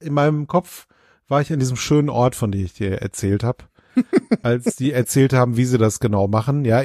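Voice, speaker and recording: A male podcast co-host talks through an episode in relaxed, joking chat. His asides are often ironic. The voice sits at a middle pitch and is recorded close on a dry studio mic. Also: dry recording. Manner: playful, ironic asides with laughs. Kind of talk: casual chat recapping an episode.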